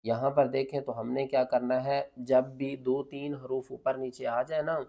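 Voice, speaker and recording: Man, tajweed teacher, mid pitch, letter-by-letter spelling, slow chanted recitation, asks and answers his own questions. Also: flat delivery, creaky, warm tone. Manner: spells letters and vowels slowly, then recites in a drawn-out chant; asks the viewer questions and answers them himself. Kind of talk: step-by-step recitation lesson.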